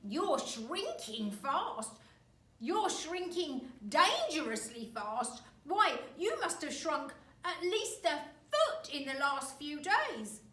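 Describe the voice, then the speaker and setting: Nasty storybook husband, acted by a woman, bullying, gloating, emphatic, dragged-out words, swooping pitch. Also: big pitch swings, bright, forceful tone, roomy sound, far from the mic, full character voice. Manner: slow, emphatic, taunting.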